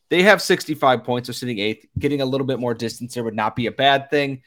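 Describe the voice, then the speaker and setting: A man with a slightly hoarse, talked-out voice hosting a sports podcast and giving commentary. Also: medium pitch, a bit bright. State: slightly hoarse from a lot of talking.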